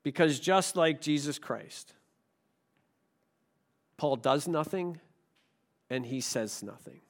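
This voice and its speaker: A man preaching a sermon to a congregation in a conversational way, asking the room questions and swinging between loud stresses and quiet asides. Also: a little high, animated, slow. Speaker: pastor.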